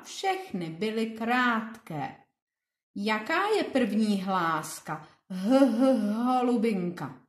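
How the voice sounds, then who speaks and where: A woman teacher talking to small children, reciting rhyming riddles in a sing-song lilt and slowly clapping out syllables. Her voice sits at an ordinary pitch and sounds echoey, as if recorded in a bare room. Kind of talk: lesson for young children.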